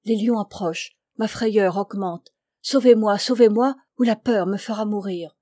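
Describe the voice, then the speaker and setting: A woman's voice: medium pitch, steady tone, moderate pace, warm tone, no echo, studio quality, close to an everyday voice. A woman voicing a vain, proud young princess in a storybook reading, with a pleading, emphatic delivery. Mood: frightened.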